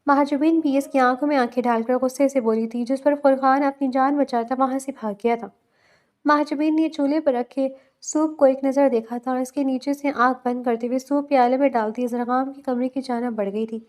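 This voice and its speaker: A woman narrating a romantic novel aloud with steady, emotive storytelling. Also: high voice.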